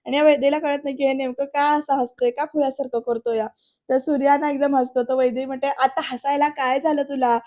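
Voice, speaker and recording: High, flat-voiced woman recapping a serial. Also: quick pace, dull audio. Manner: retells scenes, addressing viewers directly; reads characters' dialogue in quotes, mostly plainly. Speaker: serial episode reviewer. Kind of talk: voice-over recap narration.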